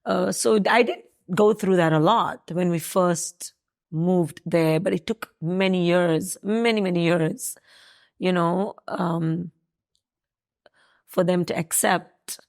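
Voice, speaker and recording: Chatty woman, lowish voice, lots of fillers. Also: takes it slowly. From South Africa. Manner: hesitant, many fillers and restarts. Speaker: guest. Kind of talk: casual interview conversation.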